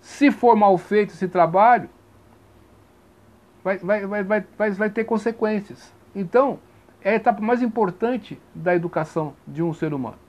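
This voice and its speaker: A man teaching grammar in an informal lesson, chatty and given to checking that listeners follow, spelling sounds out slowly. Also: high-pitched, darkish tone. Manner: chatty, repeats 'tá compreendendo?' often; spells out sounds slowly, stressing each vowel.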